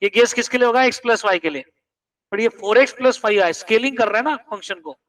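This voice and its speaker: A man's voice: extremely high pitch, fast talker, fairly bright tone, recorded from a distance, rough recording. A man teaching math in a classroom, quizzing students and pressing them to check each step. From India.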